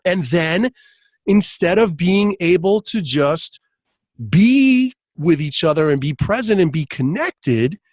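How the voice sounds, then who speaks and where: A man with a somewhat high voice tells a long story in a relaxed podcast conversation. He laughs often and jumps his voice up when acting out what others said. The sound is dry and close to the mic. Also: takes it slowly, dry recording. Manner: animated, laughs often, acts out quotes in raised voice. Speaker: podcast guest, hypnotist. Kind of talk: casual storytelling chat.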